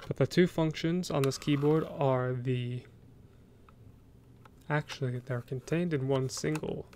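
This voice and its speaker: Soft-spoken American man doing rambling ASMR, noisy mic. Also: medium pitch, fairly even intonation, measured pace. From United States. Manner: casual, rambling, hesitant. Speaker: ASMR video host.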